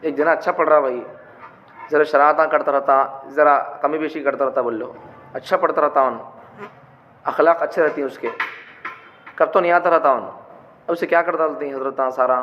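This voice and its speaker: A man's voice: fairly high pitch, steady tone, normal speed, long pauses. A man giving a religious teaching talk, repeating his points and asking rhetorical questions. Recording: dull, echoey hall with faint noise.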